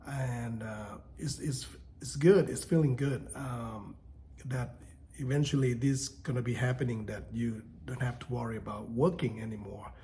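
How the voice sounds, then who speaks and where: A man in his fifties, from Thailand, talking casually and haltingly to camera from home about his coming retirement, with many fillers and restarts. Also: medium pitch, steady tone, mellow, a little hiss or hum. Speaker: vlogger. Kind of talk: casual unscripted talk to camera.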